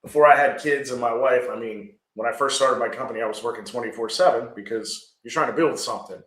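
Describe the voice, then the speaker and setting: Guesting on a podcast, a Georgia man in his 40s who owns a landscaping business chats casually, rambling sincerely and repeatedly asking "right?" He talks fast in a medium-pitched, slightly bright voice, captured in an echoey room on a rough recording.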